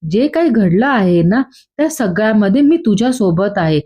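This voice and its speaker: A woman's voice: medium pitch, animated, normal speed, warm tone, lightly acted. A woman voicing a scheming woman who needles and stirs family trouble. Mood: sly. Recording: dull lo-fi.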